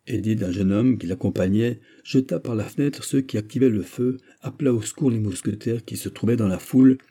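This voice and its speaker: A man voicing a rough male messenger who reports a failed raid in an urgent, breathless way. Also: lowish voice, mellow.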